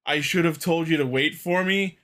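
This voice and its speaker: Bright-voiced, high-pitched man swearing through a recap. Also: normal speed. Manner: profane, animated fan commentary. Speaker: podcast co-host. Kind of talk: casual chat recapping a show.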